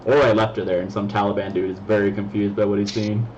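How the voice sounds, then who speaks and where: A laid-back man chats casually with a friend, slangy and quick to laugh, his voice sitting a little low. The sound is a bit dull and lo-fi, with a faint hiss behind it. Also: flat delivery, darkish tone. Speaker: co-host. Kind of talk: casual chat.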